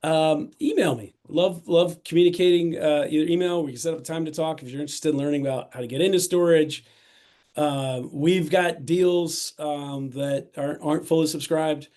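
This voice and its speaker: Brief: middle-aged man, eager interview guest, voice sits a bit high, quick restarts. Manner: energetic, enthusiastic, restarts sentences. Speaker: podcast guest, self-storage investor. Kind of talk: casual interview talk.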